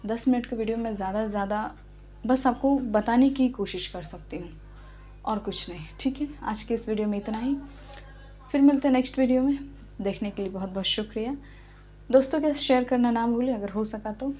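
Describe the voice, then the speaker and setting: A woman with a slightly high voice teaches spoken English, taking it slowly and patiently and pausing to check that her learners follow. The recording sounds somewhat dull and lo-fi. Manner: patient, repeats and checks understanding.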